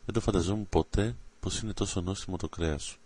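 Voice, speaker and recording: A dim-witted, ever-hungry boy from a storybook, put on by a man reading aloud. He mumbles in a deep, drowsy voice. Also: warm tone, breathy edge. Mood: dreamy.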